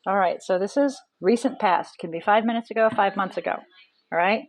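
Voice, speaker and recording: A woman's voice: medium pitch, fairly quick, no room sound, low-quality recording. A woman reading tarot cards aloud in a casual, chatty way, thinking aloud with many ums and restarts. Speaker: tarot reader.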